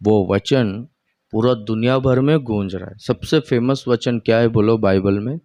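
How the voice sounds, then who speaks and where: A man preaching a sermon as pastor, speaking in an unhurried, conversational way and putting questions to his congregation. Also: on the low side, mellow, dry recording. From India.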